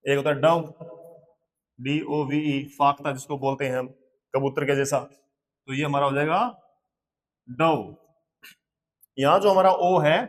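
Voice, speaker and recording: A man's voice: fairly high pitch, fairly bright tone. A man with an Indian accent teaching English pronunciation in a patient manner, spelling out words letter by letter and repeating them. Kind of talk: slow board lesson. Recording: long hall reverb.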